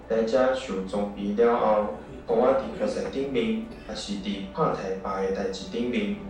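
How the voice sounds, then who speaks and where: A man with a Taiwanese Hokkien accent giving a personal testimony. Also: fairly low pitch. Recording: distant echoey playback with music.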